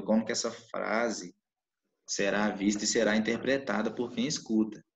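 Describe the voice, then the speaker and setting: A man teaching a live online class, checking in with his students with "né?" and "tá?" as he explains. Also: lowish voice. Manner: explains with frequent "né?" and "tá?" check-ins. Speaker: Portuguese teacher. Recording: echoey room, dull lo-fi mic.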